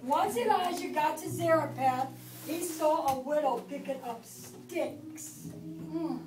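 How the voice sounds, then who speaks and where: Picked up by a far-off camera in an echoey room, a middle-aged woman slowly reads a Bible story to preschoolers in a church classroom, encouraging them to join in. Her voice sits high.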